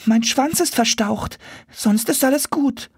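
A stubborn, inventive young seahorse girl from a storybook, put on by a man. Her voice sits far above a natural male register and is bright and excited. A slight huskiness remains beneath it. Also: a little slow, husky, no room sound, clean studio sound, full character voice. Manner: high, excited girlish voice. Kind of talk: storybook character voice.

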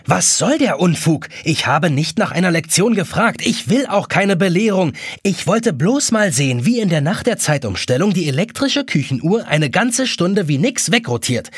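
Brief: man doing a hot-headed young boy in a storybook, high, husky, lively and impatient. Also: moderate pace, no echo, studio quality, full character voice. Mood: angry. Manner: impatient, snaps and shouts. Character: impatient stubborn young boy, quick to anger.

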